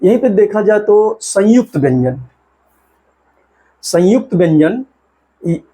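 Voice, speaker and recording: A man teaching an exam-prep class in a husky, slightly high voice. He poses a question and answers it himself, then slows down to sound out syllables one by one. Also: very animated, mellow.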